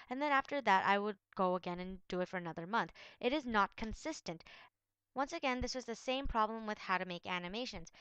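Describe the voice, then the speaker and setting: A woman's voice: medium pitch, fairly bright tone, smooth, dry recording, poor audio. A teenage girl from Canada, earnestly reading out a prepared journal about her school project. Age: teens. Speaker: high school student.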